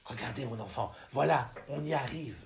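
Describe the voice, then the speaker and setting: A man's voice: medium pitch, animated, normal speed, vocal fry, noisy background, pitched below the performer's own voice. A man voicing an eccentric, impoverished male wanderer who speaks in an earnest, slyly whimsical way.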